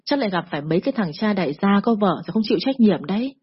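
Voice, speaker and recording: A woman's voice: mid-range voice, lively intonation, very fast, husky, dry recording, dull audio. A woman voicing a young female nurse who gossips snidely.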